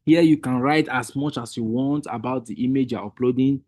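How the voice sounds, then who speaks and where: Explaining a screen-share tutorial to a webinar group, a workshop trainer who grew up speaking Igbo goes step by step, patient yet frequently restarting. He has a medium-pitched, darkish voice at normal speed, with no room sound.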